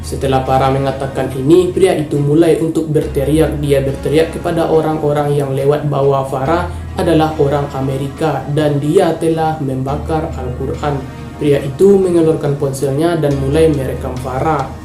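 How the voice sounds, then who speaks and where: Indonesian guy doing true crime, kinda high voice, roomy echo, quiet music under it. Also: fairly even intonation, moderate pace. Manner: informal, openly angry at the culprit. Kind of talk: casual true-crime narration. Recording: echoey room with faint music.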